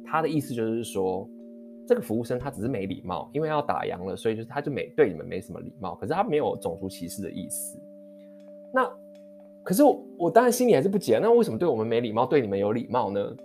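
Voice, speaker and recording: A man, telling a heated anecdote in a storytelling vlog, quick and rambling with many restarts. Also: medium pitch. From Taiwan. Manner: animated, heated retelling of an anecdote. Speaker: vlogger. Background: faint guitar music.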